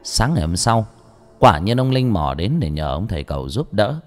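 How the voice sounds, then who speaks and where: A man narrating a ghost story in an expressive storytelling manner. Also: on the low side, normal speed. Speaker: audiobook narrator. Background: faint background music.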